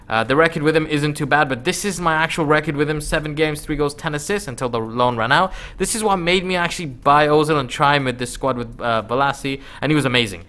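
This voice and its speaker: A man hosts a gaming video with casual commentary. He speaks at a medium pitch in an informal, slangy way. His delivery is conversational, as if chatting to regular viewers while reviewing gameplay. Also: sharp tone.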